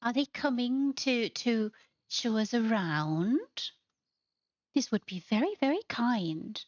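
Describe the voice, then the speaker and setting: A woman guides listeners through a game house, heaping lavish praise on everything in a slow, deliberate way. Now and then she slips into playful baby-talk. Her voice is dry and a little dull, with faint music behind it. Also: on the high side, lively intonation, dry recording. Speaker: host of a game house tour. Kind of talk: casual tour commentary.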